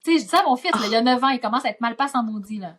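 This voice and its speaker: Woman guest, actress, softened Gaspésie accent, raised pitch, lively conversational storyteller. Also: racing. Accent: Gaspésie French, softened toward standard Quebec French. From Gaspésie, Quebec. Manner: chatty, lively storytelling full of asides. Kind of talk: casual podcast conversation.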